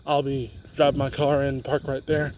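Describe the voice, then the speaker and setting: A young man with a medium-pitched, level voice talks at a moderate pace while walking along a campus street, filming a rambling, spontaneous student vlog on a handheld phone. Faint street noise can be heard.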